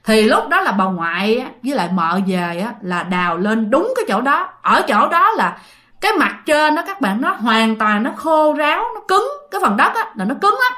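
A woman narrating ghost stories in a chatty, animated way, talking straight to her listeners. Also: on the high side, moderate pace. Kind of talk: storytelling narration.

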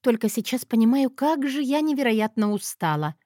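A woman narrating a first-person audiobook in a soft, confiding manner. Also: fairly high pitch, very animated, moderate pace, dry recording, clean studio sound.

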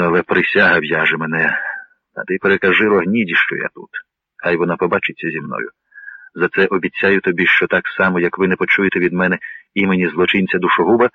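A proud, bitter Viking warlord held captive, voiced by a male narrator. His deep voice stays low and scornful. The sound is dry and narrow, like a phone line. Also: no room sound.

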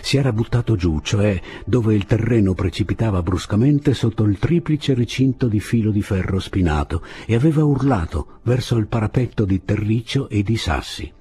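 A man narrating a novel as an audiobook reading, with expressive literary delivery. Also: on the low side, normal speed, hardly any pauses, slightly rough.

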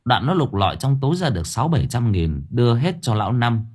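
A man narrating an audiobook story in expressive storytelling style. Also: mid-range voice, fast, slightly rough.

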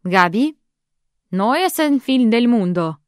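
A woman's voice: high voice, sing-song, normal speed, no echo, studio quality. A woman doing a bossy, theatrical young bride. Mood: commanding. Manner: loud, emphatic declarations.

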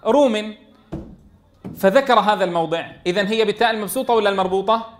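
High-ish voiced man, quran lesson, chants lines slow and quizzes himself. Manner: explains by asking and answering his own questions; chants verse lines slowly. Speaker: Quran teacher. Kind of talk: recorded tajweed lesson.

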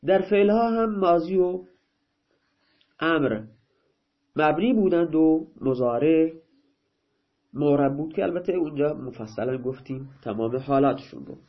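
A man's voice: a little high, long pauses. Man teaching a grammar lesson. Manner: reads a line of text, then explains it in plain talk. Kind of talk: grammar lesson, reading and translating. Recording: dull, lo-fi recording.

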